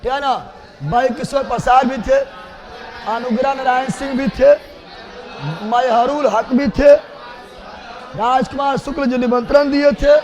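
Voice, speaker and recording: Male teacher, very high voice, repetitive drilling lecture style with playful jabs at the class. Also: fairly even intonation, measured pace, long pauses, muffled recording, some chatter behind. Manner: repeats key names over and over, teasing the class.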